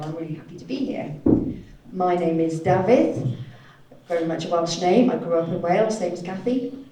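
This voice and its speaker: A woman with a low, mellow voice works as a live sign language interpreter, voicing the speakers of a panel discussion. She's in an indoor event room, and the distant mic catches heavy hall echo and faint noise.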